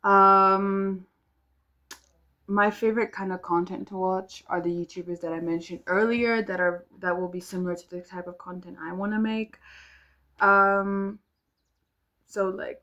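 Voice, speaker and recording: Her voice is lowish and the recording loses its highs. She's a young vlogger from South Africa, Afrikaans as her first language, rambling to camera in a home room with plenty of ums and restarts while music sounds from downstairs.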